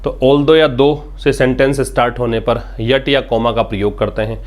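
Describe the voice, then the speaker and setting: A man's voice: mid-range voice, fairly even intonation, normal speed. A man teaching English vocabulary, patiently explaining words and repeating them, asking questions and answering them himself. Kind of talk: vocabulary lesson explaining a newspaper article.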